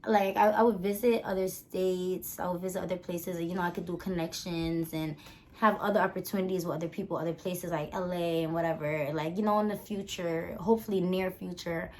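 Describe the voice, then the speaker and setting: A woman's voice: fairly low pitch, fairly even intonation, a little fast, darkish tone, slight background noise. A 21-year-old woman from the Bronx, chatting casually through a Q and A, rambling with lots of fillers. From the Bronx, New York. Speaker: vlogger. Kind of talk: casual Q and A chat.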